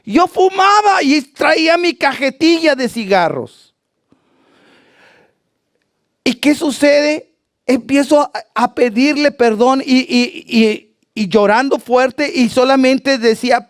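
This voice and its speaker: A middle-aged man preaching a sermon, telling his own testimony with passion, dropping soft and low at reflective moments and rising high and pleading in prayer. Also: dry recording, clean studio sound. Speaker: pastor.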